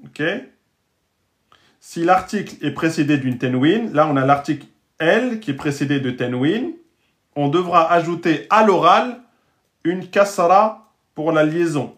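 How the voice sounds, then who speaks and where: In an explanatory lesson for French speakers, a man covers the Arabic alphabet and rules for reading the Quran. His fairly high voice is fairly bright with lively intonation. He is patient, slowly sounding out and repeating Arabic words while frequently asking "d'accord?" and "hein?"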